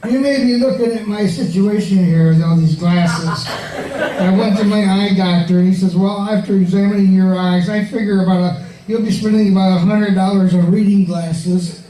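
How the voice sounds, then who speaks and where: A high-voiced older man in his sixties rambles through folksy stand-up stories and often chuckles at his own jokes. He is picked up from a distance in an echoey club. An audience and steady background noise are heard behind him. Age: 60s. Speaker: stand-up comedian. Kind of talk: stand-up comedy set. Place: comedy club stage. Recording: echoey room from far off, with crowd and noise.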